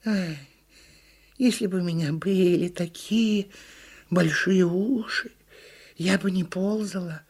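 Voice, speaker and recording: A man reading a storybook and voicing a calm, know-it-all female turtle in a raised, firm, lecturing voice. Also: high voice, slow, long pauses, slightly rough, pitched above the performer's own voice, full character voice. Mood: instructive.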